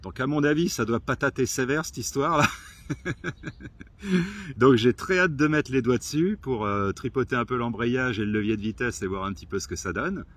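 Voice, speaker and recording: A man telling a story to camera in a casual vlog, lively and swearing, acting out the people he quotes. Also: mid-range voice, normal speed, slightly rough. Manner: animated, swearing, acts out quoted exchanges. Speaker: vlogger.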